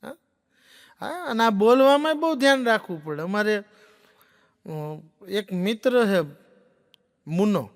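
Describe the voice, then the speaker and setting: High-voiced comedian telling jokes. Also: male voice, unhurried, pauses often. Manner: folksy storyteller, acts out dialogue. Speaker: stand-up comedian. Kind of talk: stand-up joke telling. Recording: long hall reverb. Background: audience laughing.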